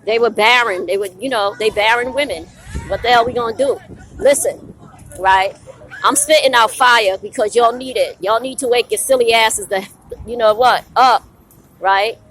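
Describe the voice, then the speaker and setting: A high-voiced woman preaches a fiery, profane rant straight to camera. She stands outside at a bus stop, with faint street traffic under her voice. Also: normal speed, fairly bright tone, rough recording. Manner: fiery, preachy, profane, drops rhetorical "right?" often. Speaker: vlogger. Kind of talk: blunt outdoor rant to camera.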